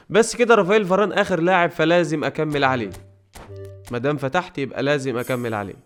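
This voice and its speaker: Fast-talking Egyptian gamer over game music. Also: male voice, on the high side. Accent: Egyptian Arabic. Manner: chatty, talks to the game and viewers, groans and cheers. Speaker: gaming YouTuber. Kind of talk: casual gameplay commentary.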